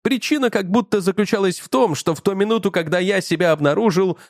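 A man narrating a comic first-person audiobook in an ironic, animated manner. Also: high-pitched, fast, no room sound, clean studio sound.

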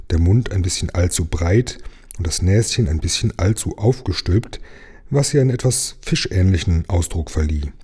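A man reading a children's book aloud in a steady, expressive storytelling voice. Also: on the low side, husky. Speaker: reader.

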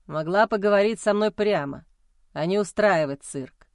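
A woman's voice: medium pitch, normal speed, darkish tone, no echo, studio quality, natural voice. A woman voicing an irritated adult husband who blames and sneers at his wife. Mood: accusing. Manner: sneering, accusatory. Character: irritated adult male husband, scornful and blaming.

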